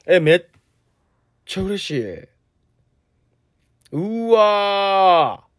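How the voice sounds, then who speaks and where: A man in his forties with a Kansai accent, a comedian hosting a podcast, reading listener messages in an excitable, gushing way with mock-grumpy retorts. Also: sits high, unhurried, no room sound, clean studio sound. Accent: Kansai Japanese.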